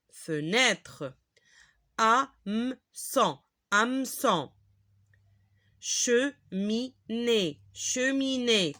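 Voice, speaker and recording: A woman teaching young children to read, saying words slowly and clearly, having them repeat, and praising them. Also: on the high side, a bit bright. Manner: encouraging praise. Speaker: reading teacher. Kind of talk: slow phonics lesson for young children.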